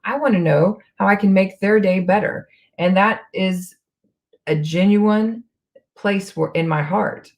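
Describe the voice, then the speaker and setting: A woman speaks as a relationship coach, casual and supportive as she builds on her partner's points. Her voice sits in an ordinary middle pitch. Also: unhurried. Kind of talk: casual conversational talk show.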